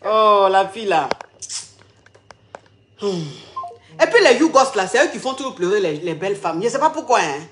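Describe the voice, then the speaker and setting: A woman's voice: mid-range voice, sing-song, fairly quick, roomy sound, a little hiss or hum. A woman playing a comic advice coach on a phone-in, flamboyant and teasing, calling everyone darling. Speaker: comic agony-aunt coach.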